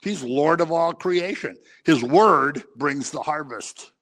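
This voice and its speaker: A man preaching a sermon in a conversational, animated way, acting out the voices of the people he quotes. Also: a little high, slow. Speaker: pastor.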